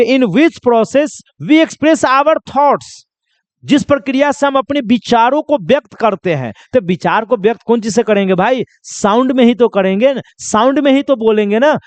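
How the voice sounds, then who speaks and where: A high-pitched man from India runs a simple lesson for children, asking a question and answering it himself again and again. His voice is smooth and crisp. The sound is dry, with no room echo. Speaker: English teacher.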